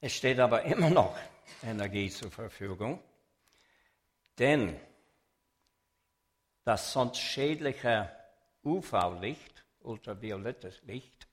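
A man with a mid-range voice and lively intonation talks slowly through an illustrated religious talk. He is deliberate and explanatory, speaking directly to his audience in a public lecture that carries a sermon message.

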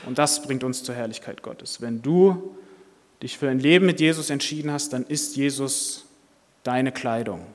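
Preacher telling a story in a hall. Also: male voice, mid-range voice, normal speed. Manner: narrative, earnest. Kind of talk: sermon with storytelling. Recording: long hall reverb.

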